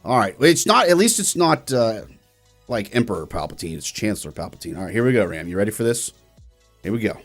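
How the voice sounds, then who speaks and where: A man's voice: lowish voice, very animated, fairly quick, soft background music. A man co-hosting a gaming talk show, chatting casually and animatedly, calling the viewers guys. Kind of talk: casual chat.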